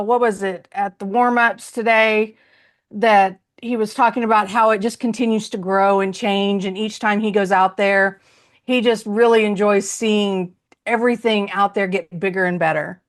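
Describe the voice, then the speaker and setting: A woman with a Southern accent co-hosting a casual sports podcast, chatty and quick to laugh. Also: medium pitch. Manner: animated, laughs often. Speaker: podcast co-host. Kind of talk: casual chat.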